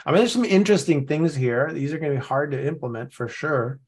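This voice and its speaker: This podcast host from Norway talks fast in a husky, darkish voice on the high side. In casual chat over a remote call setup, he reads and thinks aloud, restarting frequently as he works through his material.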